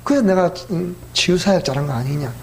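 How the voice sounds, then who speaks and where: A middle-aged male pastor with a Gyeongsang Korean accent, preaching in a folksy, animated storytelling manner. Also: high-pitched, fast, gravelly. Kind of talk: sermon.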